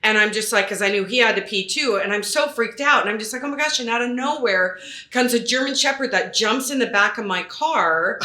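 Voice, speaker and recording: A woman real estate agent telling a story in a panel chat, animated and acting out her own quotes. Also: medium pitch, brisk. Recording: roomy echo.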